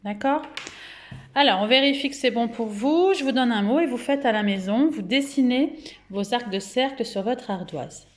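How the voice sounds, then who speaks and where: A woman with a French accent giving a phonics lesson to young children at home, speaking patiently and clearly and drawing out each word's syllables. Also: on the high side. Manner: slow, clear, patient, syllables drawn out and repeated. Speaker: kindergarten teacher.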